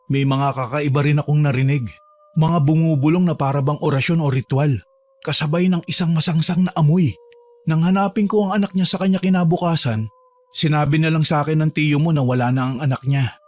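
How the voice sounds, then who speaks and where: A man voicing a calm, protective gardener who reassures a trapped girl in a horror drama. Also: lightly acted. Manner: calm, reassuring, low-key. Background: faint music.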